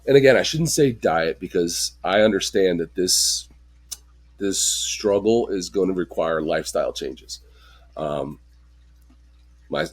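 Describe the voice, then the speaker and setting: A man in his forties with a congested, chest-cold voice, speaking earnestly and candidly in a personal confessional vlog. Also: sits low. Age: 40s. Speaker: vlogger.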